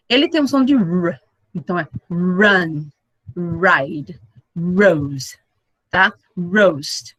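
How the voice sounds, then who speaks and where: A woman teaching an English class online, with slow explanations, repeated model words and frequent checks with her students. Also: mid-range voice, a bit bright, dry recording, low-quality recording. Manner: checks in with the class often with tag questions.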